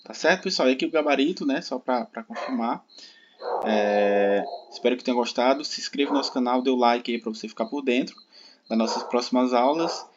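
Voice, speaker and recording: A Brazilian man gives an online grammar lesson, patiently explaining and often pausing to check that his students follow. His voice sits at an ordinary middle pitch. The recording is dull and lo-fi, with a clear layer of background noise under his voice. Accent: Brazilian Portuguese. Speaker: Portuguese teacher.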